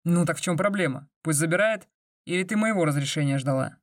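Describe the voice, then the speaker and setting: Grumpy easygoing young man, offhand, read by a woman in her own low voice. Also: expressive, brisk, no echo, clean studio sound, close to an everyday voice. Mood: grumbling. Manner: grumbling, offhand.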